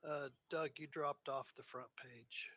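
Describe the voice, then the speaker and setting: A man on a voice chat, chatting quickly and teasingly with the host. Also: mid-range voice, steady tone, pushed and bright, dry recording. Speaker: caller on voice chat. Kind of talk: casual chat. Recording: dull lo-fi voice chat audio.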